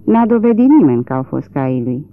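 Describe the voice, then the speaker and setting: Un bărbat care dă glas unui negustor de cai obraznic și batjocoritor. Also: male voice, fairly high pitch, sing-song, no room sound. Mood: defiant. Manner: insolent, defiant. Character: surly, mocking country horse trader. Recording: tinny lo-fi narrow-band recording.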